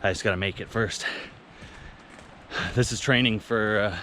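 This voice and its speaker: A man talking casually to camera as a travel vlogger, out of breath while climbing a mountain trail, chatty and self-mocking. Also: fairly low pitch. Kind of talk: casual vlog talk to camera. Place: outdoors on a mountain trail near a waterfall. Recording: loud rushing waterfall noise outdoors.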